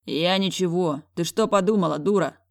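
A woman reading as a gruff, rude man. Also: fairly low pitch, moderate pace, a little mellow, dry recording, studio quality, lightly acted. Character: crude, short-tempered man in a crisis.

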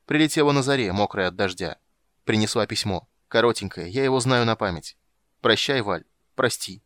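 A man voicing a proud, jealous male sorcerer in an audiobook, speaking loudly and bitterly, his voice straining with anger. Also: on the low side, no echo. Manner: loud, shouting, voice cracking with anger. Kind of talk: audiobook character voice.

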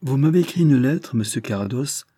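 A man's voice: medium pitch, animated, brisk, dark tone, slightly rough, no echo, studio quality, voice pushed up. A man voicing a proud, guarded young man who answers in a clipped, defensive way, in an audiobook reading. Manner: clipped and defensive, flaring into agitation. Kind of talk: audiobook character voice.

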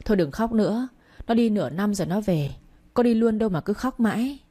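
Blunt older mom, reproachful and plain, mellow voice, woman reading. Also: medium pitch, animated, fairly quick, breathy edge. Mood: scolding. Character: older mother, blunt and sighing.

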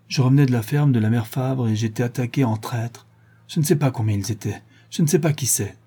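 A man's voice: medium pitch, dark tone, breathy edge, close to an everyday voice. A man voicing a wounded farmhand who sounds weak and shaken and pleads for help. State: weak and injured. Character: wounded, desperate male farmhand.

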